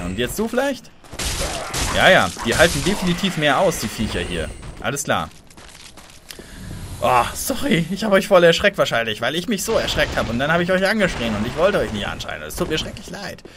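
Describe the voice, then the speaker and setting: Excitable gamer man, lively voice. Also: on the high side, brisk, noisy background. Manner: excitable, easily startled, chatty with viewers, cartoonish sound effects. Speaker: let's play gamer. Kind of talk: blind let's play commentary.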